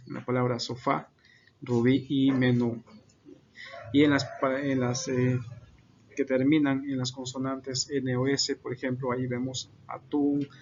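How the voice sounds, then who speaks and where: A man's voice: mid-range voice, a little mellow, highs cut off, slight background noise. A man giving an unscripted class presentation, hesitant, with many fillers and self-corrections. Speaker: student presenter.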